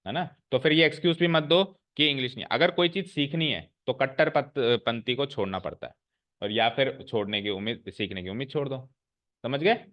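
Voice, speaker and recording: Guy in his 40s teaching a class, medium pitch, scolds students, throws in english phrases. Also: fairly bright tone. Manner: scolding, lecturing with rhetorical questions; mixes English phrases into Hindi. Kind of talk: classroom grammar lecture.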